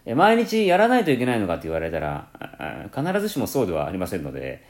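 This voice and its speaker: A man from Kansai with a Kansai-tinged accent mixed with standard speech, hosting a casual solo radio talk, rambling with many fillers and self-corrections. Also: fast talker. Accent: Kansai mixed with standard Japanese. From Kansai, Japan. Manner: lively rising and falling pitch. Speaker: podcast host.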